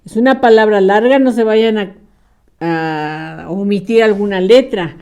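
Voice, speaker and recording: A woman teacher dictating sentences to young children word by word, pausing patiently and encouraging them as they write. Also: medium pitch, warm tone, smooth. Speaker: primary school teacher.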